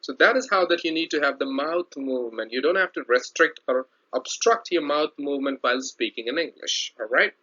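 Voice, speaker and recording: A man's voice: on the high side, expressive, bright, forceful tone. A man explaining tips as an online English teacher, talking patiently, restarting phrases and repeating his main points. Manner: explains slowly with many fillers and restarts; instructive, repeats key points. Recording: dull lo-fi sound.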